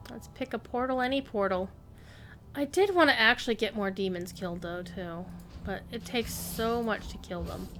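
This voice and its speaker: A woman's voice: medium pitch, moderate pace. A woman game streamer giving casual live commentary, musing and thinking aloud as she plays. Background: soft game music.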